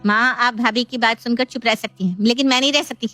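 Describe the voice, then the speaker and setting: A woman doing a shrill nagging young sister-in-law. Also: steady tone, a little fast, sharp tone, faint music behind. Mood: taunting. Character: sharp-tongued young woman, pushy and nagging.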